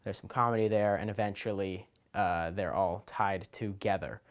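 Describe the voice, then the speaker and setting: A man's voice: lowish voice, fairly even intonation, moderate pace. A man talking casually as a children's magician, explaining his kit item by item in an informal, loosely improvised, hesitant way. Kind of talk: casual show-and-tell explanation.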